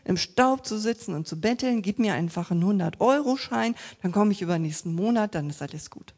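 A woman with a husky voice voicing a desperate blind male beggar who implores for help in casual everyday words, as part of a sermon. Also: medium pitch, animated, a little fast, darkish tone. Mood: offhand. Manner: imploring, informal paraphrase.

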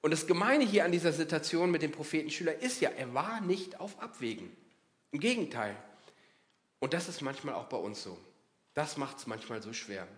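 Male preacher, slightly higher voice, chatty sermon delivery with acted asides. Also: moderate pace. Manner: lively, conversational preaching with acted-out inner voices.

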